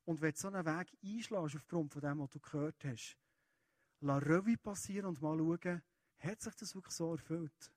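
A man with a Swiss German accent preaching a sermon, talking to the congregation in an earnest, conversational way. His voice sits a bit higher than most men's, and the recording is dry and close. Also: moderate pace, a little mellow, no echo. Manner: earnest and conversational, addressing listeners directly.

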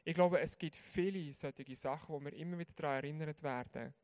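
Swiss German male preacher, sermon, earnest, asks the listeners questions directly, voice a bit high. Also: brisk, darkish tone.

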